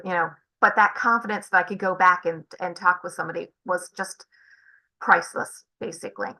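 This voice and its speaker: An older woman giving halting testimony at a public meeting, with many fillers. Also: fairly low pitch, bright, forceful tone, low-quality recording. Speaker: former student testifying. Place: meeting room.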